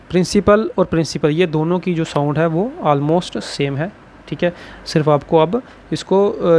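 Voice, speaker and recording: A male shorthand teacher explains a lesson, tagging almost every phrase with "ठीक है" and repeating words slowly. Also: on the high side, darkish tone, slight background noise.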